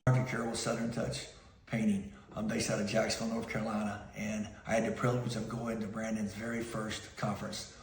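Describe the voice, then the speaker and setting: A man's voice: fairly low pitch, reverberant. A painting company owner giving a plain, matter-of-fact video testimonial about a lesson from his mentor.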